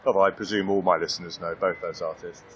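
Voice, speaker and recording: A podcast host from England, interviewing a guest in a friendly, teasing way with quick laughs. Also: low voice, level tone, muffled recording, a little hiss or hum. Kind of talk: casual interview chat.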